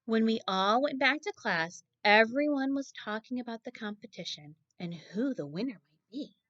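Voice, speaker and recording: With an animated, slightly high voice and a fairly bright tone, a woman reads a picture book to children at normal speed, as a teacher would. She reads expressively, with frequent questions aimed at her young audience. The recording is dry and muffled.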